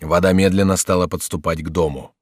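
A man narrating an audiobook in a steady, measured storytelling manner on a close studio mic. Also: low voice, husky, no room sound. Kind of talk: scripted narration.

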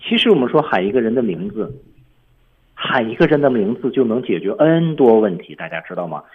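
A man's voice: medium pitch, very animated, a little fast, husky, narrow, tinny audio. A man teaching English on a radio lesson, explaining film lines step by step.

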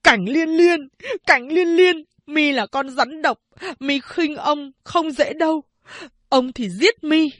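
A man's voice: very high voice, fairly bright tone, dry recording, pitched above the performer's own voice, full character voice. A woman voicing a humiliated young man in an audiobook, crying out in long wailing lines and cursing. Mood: furious cursing. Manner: wailing, cursing, drawn-out cries.

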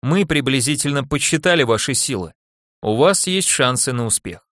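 A man's voice: medium pitch, dry recording, studio quality, natural voice. Man doing an unflappable alien ambassador. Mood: calm. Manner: calm, measured, matter-of-fact.

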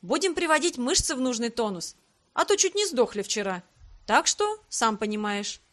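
A woman voicing a bold, cheerful young heroine who bosses and teases in a brisk, commanding way. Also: fairly high pitch, big pitch swings. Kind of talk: audiobook character reading.

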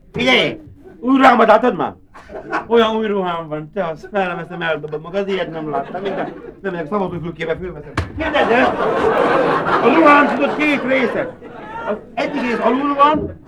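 A man doing a bragging, rambling asylum inmate. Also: sits high. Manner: rambling, repetitive, buttonholing the listener. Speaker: cabaret comedian. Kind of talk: live cabaret monologue. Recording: hissy old cassette of a live show with loud audience laughter.

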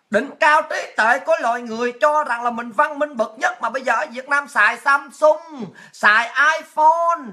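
A woman's voice: high voice, sharp tone. A woman hosting a heated political rant, fiery and mocking, acting out the people she quotes. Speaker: political commentary host.

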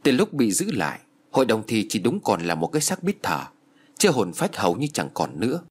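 Husky-voiced man telling a horror story. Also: on the low side, a little fast. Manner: dramatic, lively storytelling. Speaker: narrator.

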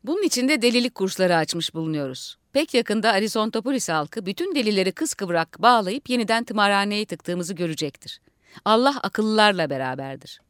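Lively woman reading a story aloud. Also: mid-range voice, brisk, dry recording, studio quality. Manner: lively storytelling, acting out the shouting crowd. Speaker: reader. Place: radio studio.

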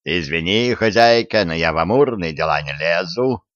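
A huge talking wolf growls out blunt, gruff remarks, as a man plays him in a low voice. The recording is dry and slightly dull. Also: expressive, normal speed, fairly bright tone, no room sound.

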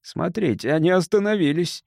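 A man voicing a burly, hot-tempered Spanish man with gruff, growling lines, in an audiobook story. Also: sits high, lively intonation, a little fast, a little mellow, no room sound, clean studio sound, voice pushed up.

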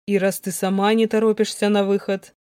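A scornful rich young man, as a woman narrator puts him on, speaking in a slow, icy, mocking drawl. The voice sits a little lower than her usual reading voice. The recording is close and dry with no room sound. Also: flat delivery, warm tone, clear, resonant tone, no echo, lightly acted. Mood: coldly dismissive. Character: cold contemptuous wealthy young man.

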